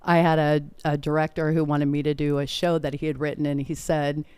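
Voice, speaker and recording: A middle-aged woman chats through her stories in a relaxed interview, often breaking into laughter. Her voice is smooth and resonant, and the recording is close and dry. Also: low voice, a little fast, no room sound. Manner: chatty, laughing, animated storytelling. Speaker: performer and guest. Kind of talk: casual interview chat.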